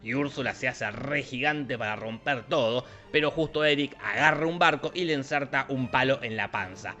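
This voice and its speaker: A man with a Rioplatense Spanish accent narrating a comic, slangy movie recap in a deadpan, irreverent way. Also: medium pitch, moderate pace, dull audio, faint music behind. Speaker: host summarizing films.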